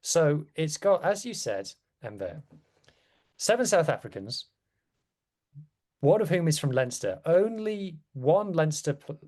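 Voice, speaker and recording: A man's voice: on the high side, very animated, unhurried, pauses often, darkish tone. A man chatting casually as a rugby podcast guest, with wry, self-deprecating asides. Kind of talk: casual chat.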